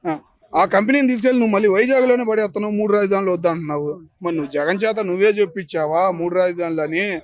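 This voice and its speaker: A man's voice: sits high, fast. A man with an Andhra Pradesh Telugu accent, giving his opinion in a street interview in an emphatic way, full of rhetorical questions. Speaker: member of the public giving opinion.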